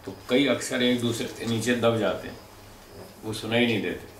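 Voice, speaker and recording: A man giving a spoken lecture on speech and pronunciation, explaining in a measured way and demonstrating sounds aloud. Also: mid-range voice, fairly even intonation. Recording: echoey room from a distant mic, faint noise.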